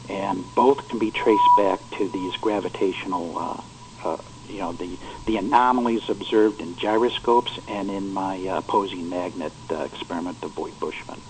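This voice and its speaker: A man on the phone as a guest on a call-in radio show, speaking quietly and explaining haltingly with many fillers. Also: sits low, a little hiss or hum, poor audio. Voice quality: quiet, hard to hear on the line. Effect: over the phone.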